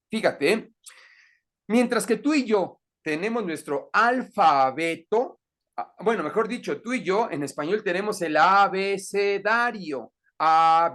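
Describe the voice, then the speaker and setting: A man's voice: high voice, a bit bright. A man teaching an introductory Bible class, explaining patiently and often checking that the listener is following. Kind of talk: catechism lesson.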